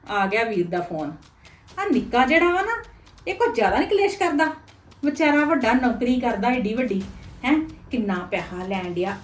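A woman playing a scheming, bossy elder sister. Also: high voice. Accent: Punjabi. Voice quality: scornful, bossy. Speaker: elder sister in a village family drama. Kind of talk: Punjabi web drama acting.

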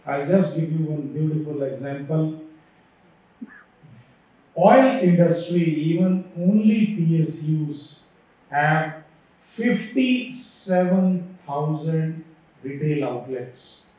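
A middle-aged man with an Indian English accent delivers a keynote from a podium on a large auditorium stage, speaking emphatically and slowing down to stress figures. His voice is mellow and on the high side. The podium microphone catches him from far off, so the hall sounds echoey.

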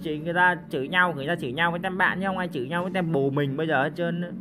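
Excitable man doing game commentary. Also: a little high, racing. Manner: excitable, full of exclamations and repeated cries; joking, boastful banter with viewers. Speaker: mobile game streamer. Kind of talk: live gameplay commentary. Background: game music.

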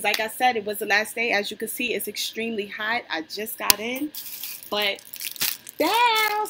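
A woman's voice: on the high side, bright, forceful tone. Chatty woman vlogging over air conditioner hum. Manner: upbeat, chatty, keeps calling viewers "guys". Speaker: mukbang vlogger. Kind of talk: casual chat to camera while eating. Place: at home. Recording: noisy home recording with air conditioner hum. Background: air conditioner running.

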